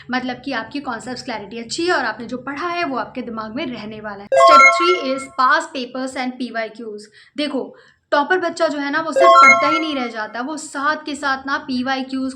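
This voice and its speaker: A young woman giving exam study tips straight to students, coaching and firm, often checking in with "okay" and mixing English phrases into her talk. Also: high voice. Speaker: study advice host.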